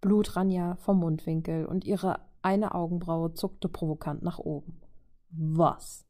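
A woman reading a fan-fiction story aloud in German with a steady storytelling delivery. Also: on the low side, a little slow. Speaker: reader.

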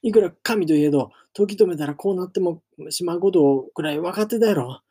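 A man doing a loud, brash elephant god with Kansai speech. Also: a little high, lively intonation, normal speed, pitched above the performer's own voice, lightly acted. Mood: pleading. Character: boisterous male elephant god, Kansai-speaking.

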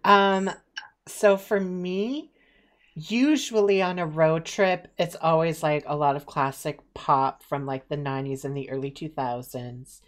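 Low-voiced chatty young woman. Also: unhurried. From Eastern Ontario, Canada. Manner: chatty, animated storytelling with many fillers. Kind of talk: casual chat.

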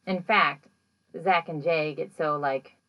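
A woman's voice: low-pitched, takes it slowly, rough recording. A woman hosting a podcast, recapping a paranormal show in a casual, rambling way, with lots of "like" and "you know.". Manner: chatty, rambling, heavy use of "like" and "you know"; animated when acting out moments.

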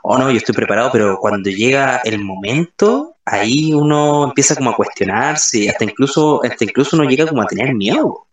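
A man's voice: mid-range voice, animated, moderate pace. A man, a podcast co-host chatting casually and reflecting with joking remarks. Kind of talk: casual chat. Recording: echoey room, far from mic.

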